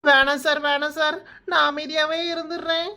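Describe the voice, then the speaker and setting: In this cartoon voice acting, a woman gives a brash young bride-to-be a Kanyakumari Tamil accent, flinging insults and wailing for help in a scolding, panicky mood. Her voice is high and sharp, delivered flatly at a normal speed.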